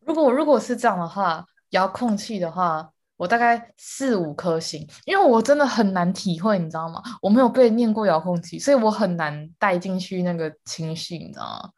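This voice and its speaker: A woman co-hosting a casual chat podcast, animated and quick to repeat words for emphasis, laughing often. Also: medium pitch. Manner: calls herself quick to anger. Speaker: podcast co-host.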